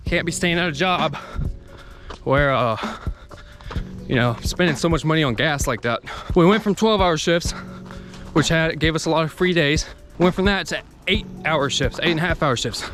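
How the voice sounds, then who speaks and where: Higher-pitched man vlogging while jogging. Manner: talking while jogging, effortful. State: exerting, working up a sweat. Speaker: video creator vlogging about the channel. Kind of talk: casual unscripted vlog monologue. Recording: music behind the voice.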